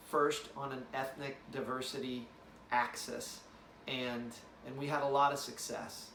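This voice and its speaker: A man speaks to a new class in a loose, unscripted way, full of ums and restarts. He sounds distant from the mic, and his voice echoes around a roomy space. A faint hum of ambience sits behind him. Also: mid-range voice. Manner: relaxed, rambling, many fillers and restarts. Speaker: fellowship leader addressing new class. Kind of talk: informal address to a group.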